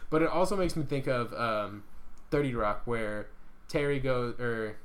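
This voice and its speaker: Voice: medium pitch, unhurried. A speaker in casual, crude banter, explaining things and laughing often. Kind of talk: casual chat.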